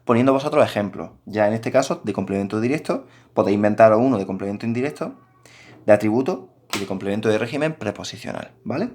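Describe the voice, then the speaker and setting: Man teaching grammar, low voice. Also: animated, fast, darkish tone. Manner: explanatory, patient, addresses students directly. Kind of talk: recorded grammar lesson.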